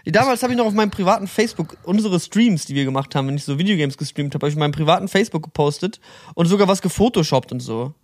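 A man's voice: fairly high pitch, expressive, racing. A man in his thirties co-hosting a podcast, chatting casually with swearing and slang. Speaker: podcast co-host.

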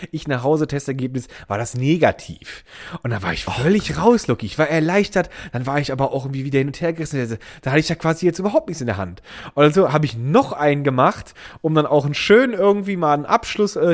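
A young man telling a funny story in casual chat, animated and laughing often as he goes. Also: fairly high pitch, quick pace. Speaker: podcast co-host.

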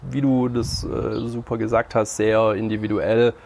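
A man explaining training ideas in casual podcast talk, halting with frequent fillers. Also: on the low side, little pitch movement, vocal fry, a little mellow, slight background noise. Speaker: podcast guest.

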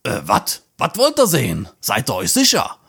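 A man doing a gruff guy in a bathrobe. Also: medium pitch, huge pitch swings, normal speed, fairly bright tone, pitched below the performer's own voice, full character voice. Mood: puzzled, offhand. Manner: blunt, mumbling.

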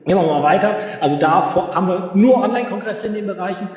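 A man's voice: fast, darkish tone, highs cut off. A man talking as an interview guest, recorded poorly from his home office without a proper microphone and with heavy room reverb. He explains things at length, with frequent filler sounds and restarts. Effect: low-quality home-office recording with heavy room reverb and no proper mic. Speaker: interview guest, event entrepreneur. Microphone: unsuitable microphone.

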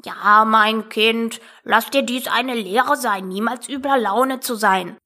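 Woman doing a slow, preachy old toad. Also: a little high, pushed and bright. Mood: lecturing. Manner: slow, lecturing.

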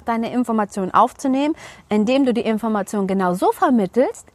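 A woman explains her craft in a loose, relaxed interview. She is frank and colloquial, with a blunt sense of humor, and her voice sits a little higher than most. The sound is close and dry. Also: no echo. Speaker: voice coach and seminar leader.

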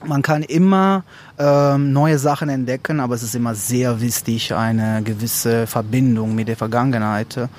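A man answering interview questions as a lecturer, speaking haltingly with many fillers. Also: medium pitch, flat delivery, a little mellow, a little hiss or hum.

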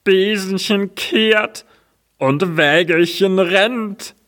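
Dramatic little dung heap, a man putting it on, high-pitched, slow and drawn out. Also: fairly bright tone, heavily acted.

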